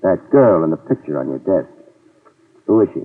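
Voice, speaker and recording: Deep, breathy and very animated, this man's exaggerated voice moves at a moderate pace as he leads and narrates an old 1950s-style radio drama. His hardboiled private investigator is wry and tough, tossing off dry wisecracks, and the recording sounds tinny and far away.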